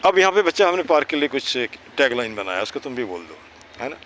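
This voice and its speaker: A man's voice: medium pitch, sing-song, quick pace, a bit bright, a little hiss or hum. A man teaching children English pronunciation outdoors. He asks questions, answers them himself, and keeps adding "है ना" as a check, with an Indian English accent. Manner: tags phrases with "है ना".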